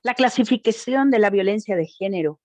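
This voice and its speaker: A woman's voice: mid-range voice, brisk, a little mellow, no echo. A woman giving an informal school talk on gender violence, speaking expressively and addressing the audience directly. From Mexico.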